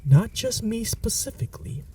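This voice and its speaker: A man with a mellow, natural voice at a moderate pace plays a menacing, possessive male vampire in an ASMR audio roleplay. His delivery is whispery and gravelly, mocking and threatening, with the mic set at a distance.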